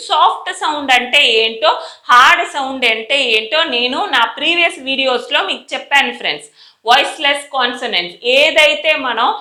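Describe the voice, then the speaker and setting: A woman tutoring English pronunciation, slowly drawing out example words and repeating each sound. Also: high-pitched, bright, forceful tone, reverberant. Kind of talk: teaching lesson in Telugu.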